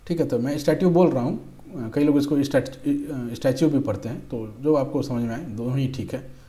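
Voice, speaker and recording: A young man works through exam questions like a patient tutor, reading each option aloud. His voice is mellow and warm, pitched in a middle range. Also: moderate pace. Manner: patient, repeats "ठीक है", reads options aloud. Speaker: exam-prep teacher. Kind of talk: explaining quiz questions.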